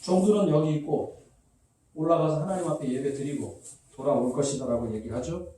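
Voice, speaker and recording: Preaching as a pastor in a church hall, a man often asks the congregation questions and acts out the quoted voices of people in the story. His voice is a little high, dark in tone, steady and a little fast. The hall is very echoey and he sounds far off.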